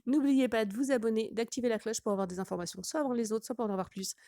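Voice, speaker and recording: A woman with a fairly high voice presents casual gossip commentary as a channel host. She drops in sarcastic, teasing asides as she goes. The sound is dry, with very little room echo. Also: quick pace, mellow.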